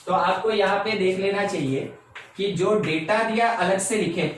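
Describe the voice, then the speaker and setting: A man teaching a chemistry lesson in Hindi, slowly dictating definitions with English terms and repeating each phrase, often checking in with his students. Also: high-pitched. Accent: Indian English words in Hindi speech. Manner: frequent check-ins to students. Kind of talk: online class lecture. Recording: very echoey, distant mic, faint noise.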